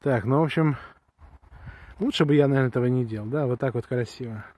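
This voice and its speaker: Talking fast in a medium-pitched, slightly mellow voice, a male vlogger reviews a walkie-talkie outdoors. He holds his phone on a grassy hillside with pines and chats to viewers in a casual, slangy, rambling, enthusiastic manner.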